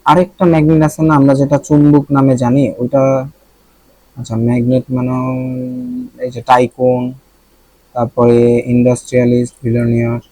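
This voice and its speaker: Man teaching vocabulary, mellow dry voice. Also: medium pitch, level tone, normal speed, long pauses, dry recording, rough recording. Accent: Bangladeshi. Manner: repeats words to check pronunciation, thinks aloud. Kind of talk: casual vocabulary lesson.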